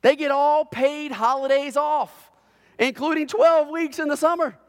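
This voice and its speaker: Guy preaching w a super high voice, lively and kinda sarcastic, lots of hall echo. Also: measured pace. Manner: animated storytelling with a sarcastic edge. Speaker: pastor. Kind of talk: sermon.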